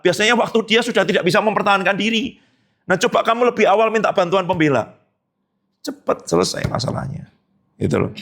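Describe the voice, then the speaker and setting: Gravelly, animated high-voiced male pastor. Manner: emphatic, with rhetorical questions answered himself and repeated tag phrases. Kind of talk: sermon. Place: church service.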